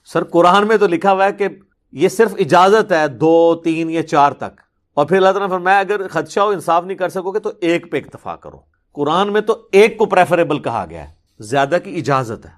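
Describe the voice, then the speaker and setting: Lively, high-voiced Pakistani man lecturing. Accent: Pakistani Urdu. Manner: explanatory, animated emphasis, rhetorical asides. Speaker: religious scholar answering questions. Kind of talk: lecture answering audience questions.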